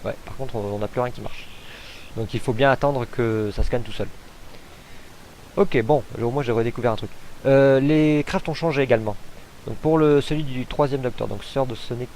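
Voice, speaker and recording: A man's voice: medium pitch, moderate pace, a little mellow, slight background noise, low-quality recording. A man casually commenting on gameplay as he demonstrates a game mod, chatty and hesitant, thinking aloud with fillers. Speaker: gamer showcasing a mod.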